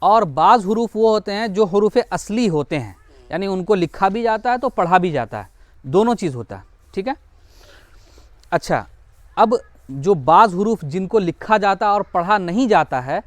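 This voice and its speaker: High-voiced man teaching Quran reading. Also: animated, dry recording. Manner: explains slowly, repeats examples, asks and answers his own questions; drawls out example words slowly to model pronunciation. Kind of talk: classroom lesson.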